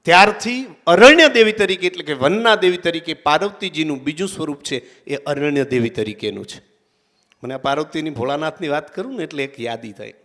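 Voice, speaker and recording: A man tells a devotional story to a gathered crowd, his voice high and bright. He swings through lively rises and falls, chants verses, and slips into each character's voice. He also serves as the evening's emcee. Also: a little fast. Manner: animated, chanting verses, voicing characters in dialogue. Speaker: religious storyteller and event emcee. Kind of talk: devotional storytelling to a live audience.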